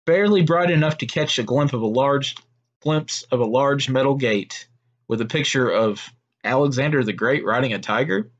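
Man, storyteller, medium-pitched voice, unhurried, homemade tale. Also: highs cut off. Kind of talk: told story narration.

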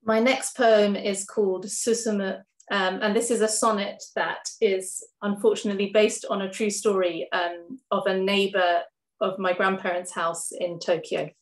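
A woman reading her own poems aloud at an even, measured pace, with brief, casual spoken introductions between them. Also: medium pitch. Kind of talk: poetry reading. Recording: roomy echo.

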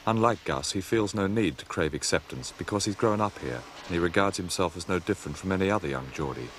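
Low-voiced Australian documentary narrator. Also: male voice, lively intonation, fast talker. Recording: noisy old documentary film audio.

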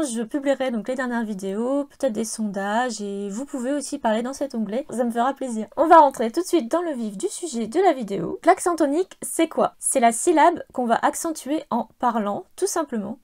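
Bright-voiced woman explaining poetry. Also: fairly high pitch. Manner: clear, measured, stresses key words. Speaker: poetry channel host. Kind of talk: explanatory teaching talk.

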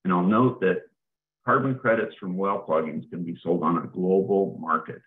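Man, very low voice, webinar presenter, phone-like remote audio. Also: normal speed. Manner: conversational, repeats words as he goes. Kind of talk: presenting a talk. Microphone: remote call. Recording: tinny phone-like call audio.

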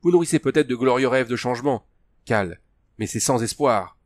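A man's voice: on the low side, normal speed, dry recording, natural voice. A man reading the lines of a principled male army colonel in an audiobook, with firm, earnest delivery. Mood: urgent.

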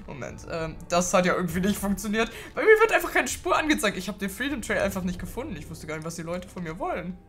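A young woman giving casual let's play commentary, excitable, swearing and laughing a lot. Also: mid-range voice, quick pace, few pauses, soft background music. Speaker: gaming video host.

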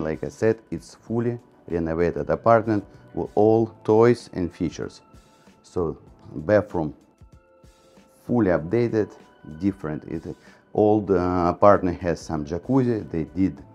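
Speaking slowly in a deep, slightly mellow voice, a chatty real estate agent leads viewers through a bright condo and onto its ocean balcony. He keeps saying "guys" and "again," with non-native grammar. The audio is dull, with soft music underneath.

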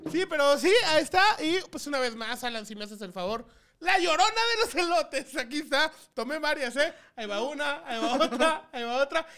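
A man's voice: very high voice, lively intonation, a little fast, bright, forceful tone. A man with a Mexican accent co-hosting a comedy podcast, joking and teasing his co-host and laughing often. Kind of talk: casual chat.

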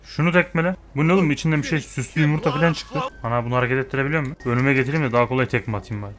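A young gamer delivers excitable, casual commentary on his gameplay, talking to the game characters and scolding them with playful swearing. His voice is mid-range and he speaks very fast.

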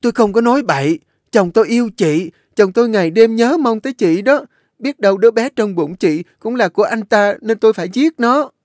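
A scheming young wife loses control in this audio story, shrieking high and wild, as a man puts her on. Her sharpens every accusation, and the voice sits in a dry, close space. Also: big pitch swings, moderate pace, fairly bright tone, dry recording, full character voice. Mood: hysterical. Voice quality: shrill, shrieking.

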